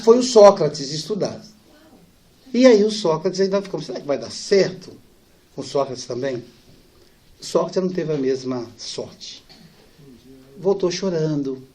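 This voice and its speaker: A middle-aged man giving a storytelling lecture, acting out dialogue and dropping soft and slow for sad parts. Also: fairly high pitch. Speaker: spiritist speaker.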